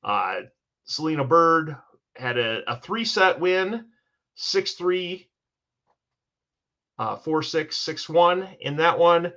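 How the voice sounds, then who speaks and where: Upbeat podcast host, slightly dull sound. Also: male voice, a little high, lively intonation, takes it slowly, long pauses, pushed and bright. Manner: enthusiastic, rambling, with restarts. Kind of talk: casual sports podcast recap.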